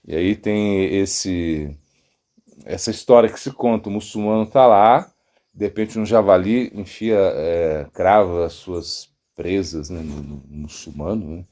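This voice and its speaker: A man's voice: low voice, a little slow, mellow. A Brazilian monk giving a sermon, rambling with many fillers and restarts, acting out quoted voices as he tells stories. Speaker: monk teaching devotional yoga. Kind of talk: sermon, spiritual talk.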